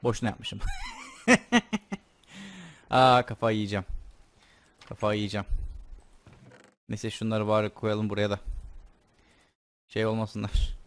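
A man's voice: lowish voice, monotone, measured pace, pauses often, smooth. A young man giving casual, joking commentary while playing a game, chatting to himself and swearing playfully. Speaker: gaming YouTuber. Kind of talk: casual Let's Play commentary.

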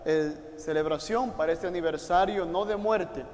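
A man's voice: sits high, moderate pace. A male priest with a Puerto Rican Spanish accent leading a memorial mass, speaking pastorally and directly to those watching at home. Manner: warm pastoral, direct appeals to listeners at home. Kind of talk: liturgical address to an online congregation. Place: church altar. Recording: long church reverb.

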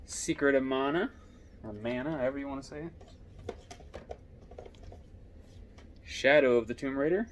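A young man casually running through his video game collection, giving quick offhand comments on each title. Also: mid-range voice, a little hiss or hum. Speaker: gaming YouTuber.

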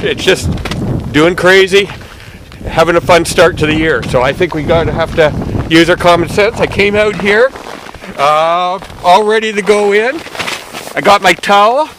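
Strong wind noise buffets the microphone around a middle-aged man. His voice is quite high for a man. He chats casually to the camera in a halting, good-humoured way, out in the open. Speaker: event organiser and presenter. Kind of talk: casual outdoor vlog to camera. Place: open snowy lakeshore outdoors. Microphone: handheld camera a step or two away. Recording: loud wind noise on camera mic, outdoors.

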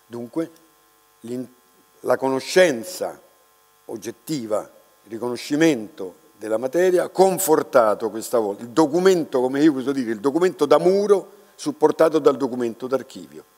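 An older man, an art restorer, speaks in a mid-range, slightly mellow voice with lively intonation during a slow, unscripted lecture to an audience. Standing at a lectern in a large dark hall, he reflects at an unhurried pace, pausing and restarting often; the lectern microphone captures reverberation and mains hum.

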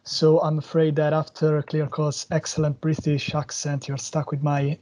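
A man from Italy with an Italian accent, giving a measured, explanatory webinar presentation over a video call. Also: fairly high pitch, monotone, darkish tone. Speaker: policy advisor speaker.

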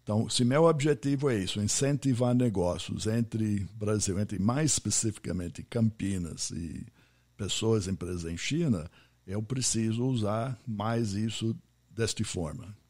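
An American man, a podcast host, speaking Portuguese in a friendly business interview and slowly spelling out names and web addresses. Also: fairly low pitch, a little mellow. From United States.

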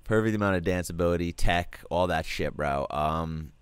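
Laid-back low-voiced man, swearing. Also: moderate pace, clear, resonant tone, no echo. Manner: laid-back, swears casually, lots of fillers. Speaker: stream host reviewing music submissions. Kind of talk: casual chat.

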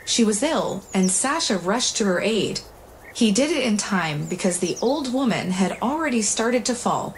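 Woman reading a life story, calm and even, mid pitch, slight background hiss. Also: normal speed. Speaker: storyteller, channel host. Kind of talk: scripted story narration.

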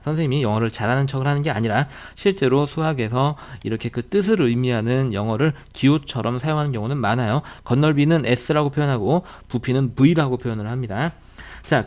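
A male math teacher giving a recorded online lesson. He talks at a mid pitch and works through each problem briskly, repeating the same reminders again and again. Now and then he breaks off into friendly lecturing asides. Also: darkish tone.

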